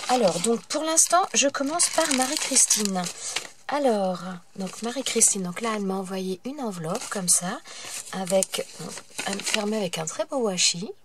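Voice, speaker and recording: Opening packages for her craft channel, a woman congested from a cold speaks in an expressive, unhurried mid-range voice, bursting into happy exclamations. The recording is very noisy.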